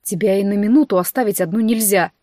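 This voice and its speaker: A woman reading the part of a protective young male necromancer in a calm, earnest manner. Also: medium pitch, fast, no echo, studio quality, close to an everyday voice.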